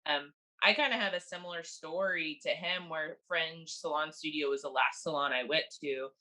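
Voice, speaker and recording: A woman hair stylist telling her story casually in an interview, chatty and relaxed with fillers. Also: sits low, normal speed. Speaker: hair stylist, salon owner.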